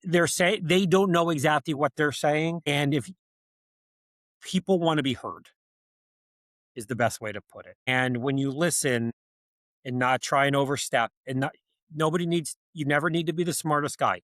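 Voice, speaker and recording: A man's voice: fairly high pitch, moderate pace, a bit bright, no echo, rough recording. A man with a New Jersey accent, a podcast guest who founded an accounting firm, talking in a plainspoken, direct way. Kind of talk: casual interview chat.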